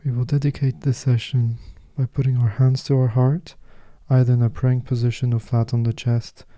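A man guiding a meditation as host, speaking in a soft, slow, soothing way. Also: mid-range voice, level tone. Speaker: meditation podcast host and guide. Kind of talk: guided meditation narration.

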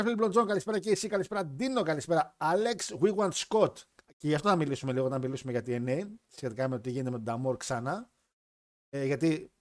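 A man hosting a live wrestling chat stream, talking in a joking, rambling way. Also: a little high. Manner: chatty, joking, rambling with restarts. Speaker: wrestling podcast host.

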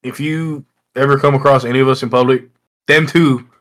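A young man co-hosting a podcast, chatting casually with friends in loud, matey, sweary banter. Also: mid-range voice, steady tone, fairly quick. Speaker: podcast co-host. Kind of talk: casual chat among friends.

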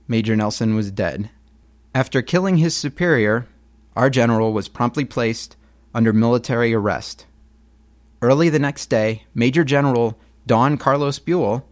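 A man narrating history like a story told to friends, casual and blunt with emphatic turns. His voice sits at an ordinary middle pitch. The sound is dry and close, with no room around it. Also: no room sound.

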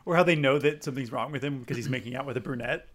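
A man co-hosting a casual podcast chat who is playful and teases with rapid-fire questions. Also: mid-range voice, a bit bright.

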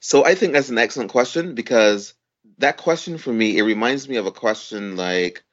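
A man from Barbados in his forties, a podcast guest, explaining things in a measured way with step-by-step examples. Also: mid-range voice, expressive, fairly bright tone. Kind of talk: conversational interview. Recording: dull lo-fi audio.

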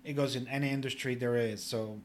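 Brisk and fairly even in intonation, his mid-range voice comes through with a little hiss or hum. He is a Polish public adjuster, Polish being his first language, giving plain, instructive explanations with "you know" as filler while guesting on a casual podcast interview.

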